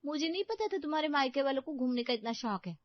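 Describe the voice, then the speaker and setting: A woman voicing a calm, reassuring young husband in an animated story, with an easygoing manner. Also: high-pitched, quick pace, no room sound, pitched above the performer's own voice. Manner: easygoing, soothing. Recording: dull lo-fi dry recording.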